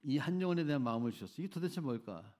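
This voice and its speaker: A middle-aged man preaching a heartfelt sermon testimony in a church. His voice sits a little high for a man, and he swings between loud, emphatic bursts and quiet, hushed asides as he tells his story. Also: lively intonation, very fast. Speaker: missionary preacher. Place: church sanctuary.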